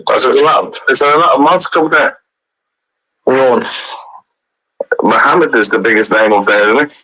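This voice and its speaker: A man's voice: mid-range voice, measured pace, sharp tone, rough recording. An Irish-accented man in casual, bantering group chat full of informal slang.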